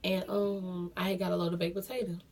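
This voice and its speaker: A woman's voice: lowish voice, level tone, a little fast, darkish tone. Young woman, casual storytime vlogger, talks straight to viewers, repeats lines for emphasis. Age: young adult. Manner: chatty, addresses viewers as y'all, repeats phrases for emphasis.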